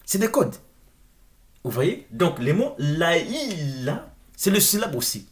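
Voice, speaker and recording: Slow and marked by big pitch swings, this man's fairly high voice carries an informal explanatory talk over on-screen text in an online video lecture. He questions his viewers directly and tends to repeat words as he reaches for them.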